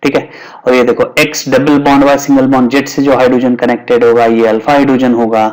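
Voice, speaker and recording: A man's voice: mid-range voice, flat delivery, quick pace, darkish tone. Male chemistry teacher, mix. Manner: repeats key terms, asks and answers his own questions. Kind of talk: explaining at a whiteboard.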